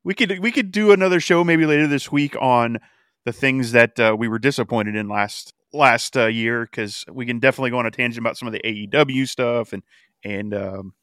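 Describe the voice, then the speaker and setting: Male co-host, relaxed chat with halting phrasing, clean resonant voice, dry sound. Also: mid-range voice, no echo. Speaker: podcast co-host. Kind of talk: casual chat.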